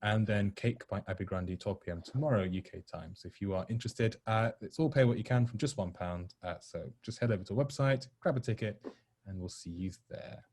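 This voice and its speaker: On an online video call, a man with a lowish, husky, slightly mellow voice hosts a play table read. He speaks briskly but informally, polite and reassuring, with frequent hesitant ums and uhs.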